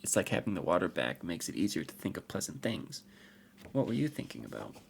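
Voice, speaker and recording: A man's voice: sits low, big pitch swings, fairly quick, gravelly, a little hiss or hum, exaggerated voice. A man voicing a bold, curious village girl of nearly nine who fires blunt questions. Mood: cheeky.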